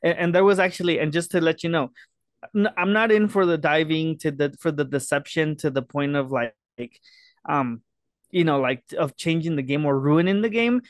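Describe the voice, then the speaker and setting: A man co-hosting a casual sports chat, measured and analytical, with frequent fillers. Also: fairly high pitch, no room sound, studio quality. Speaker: podcast co-host.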